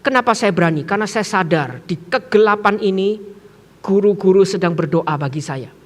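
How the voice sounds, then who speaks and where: A man preaching a sermon, telling a story with acted-out dialogue and shouting for emphasis. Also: high voice, expressive, moderate pace, in a large hall. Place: church sanctuary.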